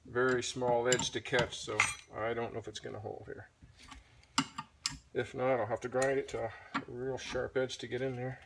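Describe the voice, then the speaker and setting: A man's voice: mid-range voice, little pitch movement, moderate pace, creaky, background noise. A man doing a casual workshop how-to, easygoing and thinking aloud with fillers, recorded on a propped-up phone in a home workshop. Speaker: hobbyist motorcycle restorer. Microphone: phone propped in a holder.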